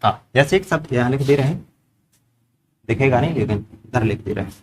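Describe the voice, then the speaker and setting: A man's voice: medium pitch, lively intonation, fairly quick, a little hiss or hum. A man teaching a grammar lesson to a class, asking the students questions and repeating their answers back. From India.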